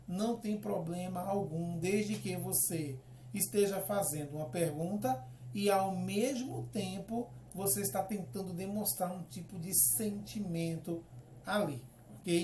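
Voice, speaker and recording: A woman teaches in a low, mellow voice. She walks through each point and checks in often with her listeners. The sound is echoey, as in a bare room. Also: a little hiss or hum. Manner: explains step by step, checks in with "ok?" and "né?". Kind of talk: classroom explanation.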